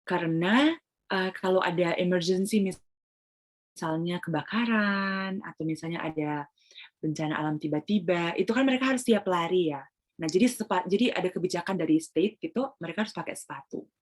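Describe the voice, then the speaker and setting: A woman's voice: on the low side, moderate pace. A woman Montessori trainer explaining in an online webinar, mixing English phrases into her talk and acting out examples. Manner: acts out examples of what she tells children.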